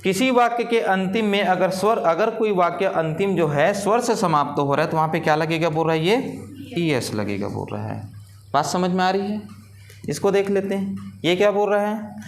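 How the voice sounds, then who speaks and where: A man's voice: high voice, animated, unhurried. A man teaching an English grammar lesson. He asks his students questions and answers them himself. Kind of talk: classroom-style grammar lesson.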